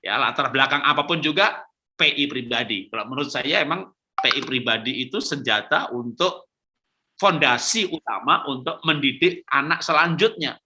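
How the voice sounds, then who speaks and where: A middle-aged man pastor answering questions on raising children in a lively storytelling manner, acting out quoted lines. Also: mid-range voice, normal speed.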